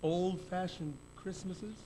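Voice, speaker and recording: A man's voice: high voice, fairly even intonation, takes it slowly, mellow, rough recording. A man doing scripted stage banter in a singing group's show, hurrying and stumbling over his words, heard on an old videotape recording. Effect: hissy old videotape recording.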